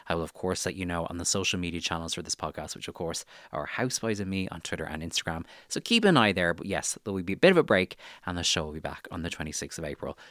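An Irish man hosts a podcast in a low, fairly bright voice, interviewing in a casual, informal way and chatting with plenty of asides.

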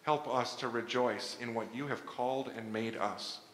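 Man, pastor, solemn measured liturgy, bright clear tone, cathedral echo, long church reverb. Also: mid-range voice, slight background noise. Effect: cathedral-like echo from a large church hall. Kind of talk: leading liturgical prayer and communion words. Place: large church sanctuary.

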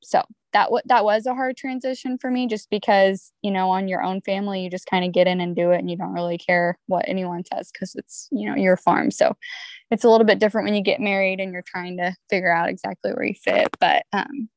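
A woman's voice: medium pitch, steady tone, brisk, dry recording. A young adult woman, a podcast guest, talking casually and rambling with many fillers. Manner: rambling, lots of "like" and restarts. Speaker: guest, entrepreneur. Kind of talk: casual interview chat.

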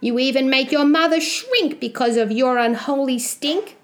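Woman playing a shrill, scolding storybook mother. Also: animated, normal speed. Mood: indignant. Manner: exclamatory, berating, indignant. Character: shrill, scolding, sharp-tongued mother of a boy.

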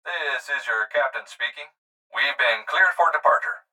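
A man's voice: mid-range voice, normal speed, sharp tone, low-quality recording. A man giving an airline captain's cockpit intercom announcement with a formal announcer delivery. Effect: pilot's cockpit intercom announcement.

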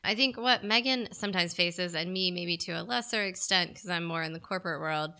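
A woman's voice: fairly low pitch, a little fast, bright, forceful tone, clean tone. A woman co-hosting a podcast, asking fluent, articulate questions. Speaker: podcast co-host. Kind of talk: podcast interview conversation.

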